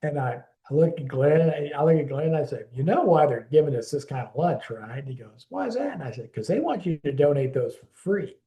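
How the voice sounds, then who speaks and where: In a relaxed oral-history interview, a man in his fifties recalls a friend through a long, rambling story full of restarts and acted-out dialogue. His voice sits on the high side, mellow and brisk with few pauses, and the recording sounds roomy.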